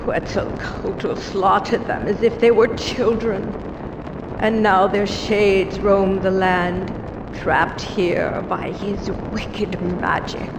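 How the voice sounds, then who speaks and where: A woman's voice: medium pitch, level tone, slow, roomy sound, noisy background. An actress playing a reverent, fearful old woman village oracle in a video game, humble and pleading in archaic formal speech. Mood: fearful, grave.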